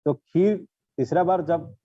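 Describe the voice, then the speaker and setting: A man's voice: fairly high pitch, a little slow, warm tone, dry recording. A man narrating a devotional story in a plain storytelling manner at a temple talk. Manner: simple storytelling, plain retelling. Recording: dull, dry recording.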